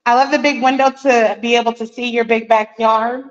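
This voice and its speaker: A woman's voice: a little high, fairly even intonation, moderate pace, muffled recording. A woman real estate agent giving a walking tour of a house, chatty and a little nervous, slightly out of breath. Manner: chatty, nervous, laughs often.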